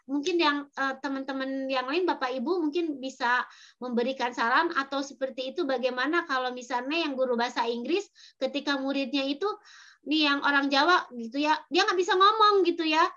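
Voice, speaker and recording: A woman teacher with a Sundanese accent, talking casually and haltingly to fellow teachers, full of fillers and restarts. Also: sits high, pushed and bright, dull audio. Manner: rambling and hesitant, many fillers and restarts. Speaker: Japanese language teacher. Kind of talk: casual sharing in a teacher training session.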